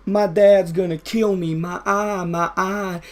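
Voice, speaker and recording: A man's voice: sits high, fairly even intonation, slow pace, pitched above the performer's own voice. A young man voicing a panicking teenage boy in a whiny, frantic voice. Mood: panicked.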